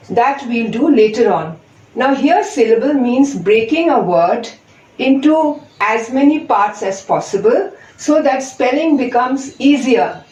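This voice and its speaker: A woman's voice: on the high side, a little mellow. A woman teaching an English lesson, patiently explaining and repeating examples step by step. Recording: echoey room from far off.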